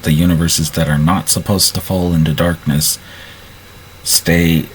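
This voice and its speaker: A man casually narrating his moves in a role-play, often halting and restarting his sentences. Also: deep voice, little pitch movement, a little hiss or hum, low-quality recording.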